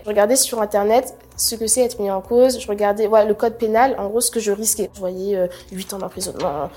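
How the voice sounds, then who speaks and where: A woman's voice: mid-range voice, husky. A young woman telling her own story in casual testimony, acting out the people she quotes. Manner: animated storytelling, acting out others' quoted lines. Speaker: person recounting a personal ordeal. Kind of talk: casual first-person testimony.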